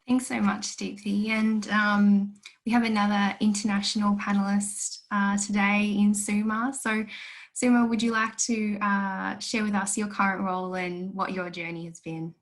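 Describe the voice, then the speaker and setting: A woman's voice: medium pitch, little pitch movement, moderate pace. A woman moderating an online panel, thanking one speaker and introducing the next. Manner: introduces speakers, asks questions. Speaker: forum moderator.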